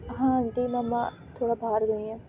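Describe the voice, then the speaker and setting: A woman voicing a sad, lonely teenage girl who speaks softly and politely, in a storybook reading. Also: on the high side, steady tone, fairly quick, creaky, highs cut off, slight background noise. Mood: subdued. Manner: soft, subdued.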